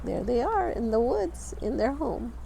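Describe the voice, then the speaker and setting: In a lively but unhurried read-aloud, a female storytime reader with a somewhat high voice leans on important words and stretches them out for young kids. She pauses for asides about the illustrations, and there's a little hiss or hum in the background.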